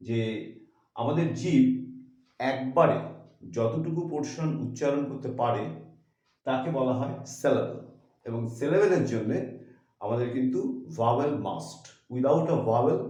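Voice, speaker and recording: A man with a Bengali accent teaching English grammar in a slow, halting way, slowing further when he reads English definitions. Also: mid-range voice, mellow. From India. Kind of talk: lesson. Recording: echoey room.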